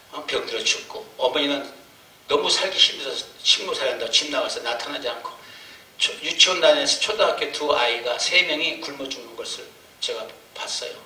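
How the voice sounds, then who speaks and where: A man's voice: mid-range voice, sharp tone, far from the mic. Emotional man preaching in an echoey church. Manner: emotional storytelling, acting out his own prayers and cries. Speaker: missionary preacher. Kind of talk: sermon testimony. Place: church sanctuary.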